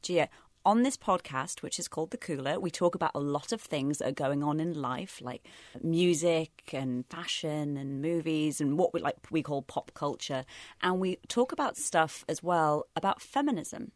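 A woman's voice: deep voice, expressive, normal speed, dry recording, studio quality. A woman in her late twenties co-hosting a podcast, chatting casually with a wry, joking manner. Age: late 20s. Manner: wry and joking, laughs often. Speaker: podcast co-host. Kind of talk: casual chat.

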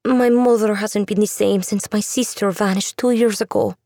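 A woman's voice: medium pitch, fairly even intonation, normal speed, warm tone, no echo, studio quality, pitched above the performer's own voice, close to an everyday voice. A woman voicing a frightened, reluctant young Czech woman making excuses, in an audiobook. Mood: anxious, pleading. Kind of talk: audiobook character voice.

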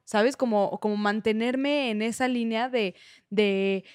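A Mexican woman chatting on a podcast in a self-mocking, playful way. Her voice sits a little high, and the sound is dry and close with no room echo. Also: slow pace, clean tone. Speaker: podcast host. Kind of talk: casual podcast chat.

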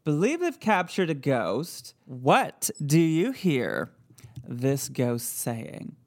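Woman podcast host, chatty and animated, lots of fillers, casual and excitable. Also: low-pitched, slow pace. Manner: chatty, animated, with many fillers and little squeals. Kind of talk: casual chat.

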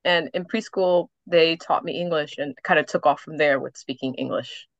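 A New York City-born woman with a deep voice, whose first language is Haitian Creole, appears as an author and guest on a podcast interview. She talks at a normal speed, laughing often as she chats and reflects, and the recording sounds dry and muffled.

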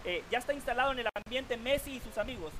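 A man on a sports talk show giving formal, measured football analysis. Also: extremely high pitch, a crowd in the background, poor audio. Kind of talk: sports talk panel discussion.

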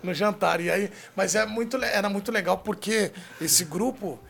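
A man hosting a relaxed conversation, teasing his guests and laughing often. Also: high-pitched, moderate pace, creaky, a crowd in the background. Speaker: podcast host. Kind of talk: casual chat.

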